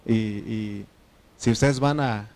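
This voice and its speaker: A man's voice: fairly low pitch, slow pace, darkish tone. Man, pastor from Oaxaca, Mexican Spanish accent, second-language speaker, chatty sermon delivery with fillers and questions to the room. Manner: conversational, asks the congregation questions; frequent fillers and self-corrections.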